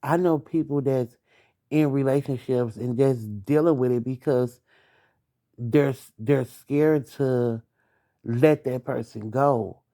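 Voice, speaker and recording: A woman's voice: a bass voice, takes it slowly, mellow. A young adult woman hosting a late-night podcast, venting bluntly about her ex, swearing and talking straight at him. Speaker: podcast host.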